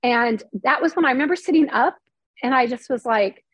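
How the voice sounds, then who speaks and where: Her high-pitched voice has a breathy edge and moves fairly quickly on a dry recording. She's a middle-aged woman who used to report TV news and now writes novels, sharing an emotional story candidly in conversation. Earnest and chatty, she keeps dropping "like" and "you know" and acts out what people said.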